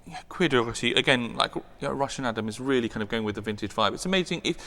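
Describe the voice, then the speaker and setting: A man's voice: medium pitch, fast, sharp tone, big-room sound. A man chatting enthusiastically as co-host of a perfume review, rambling with many restarts. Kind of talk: casual chat.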